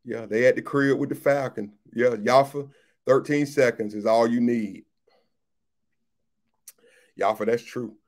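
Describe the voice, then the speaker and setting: A male pastor chatting loosely on a livestream before his message, calling out viewers by name and reading their comments. He talks in a relaxed, easygoing way and circles back to repeat his lines, with a mid-range voice. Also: mid-range voice, a little slow, pauses often.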